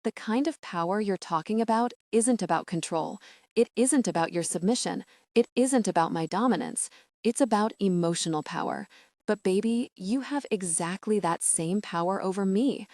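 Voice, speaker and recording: A woman's voice: mid-range voice, moderate pace, a little mellow, no echo, clean studio sound, close to an everyday voice. A woman voicing an intense, protective, dominant billionaire man who speaks tenderly and earnestly.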